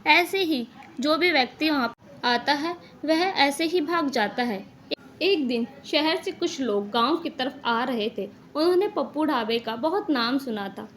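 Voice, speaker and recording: A woman narrating a scripted cartoon moral story with plain, even storytelling. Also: high voice, a little slow, slight background noise.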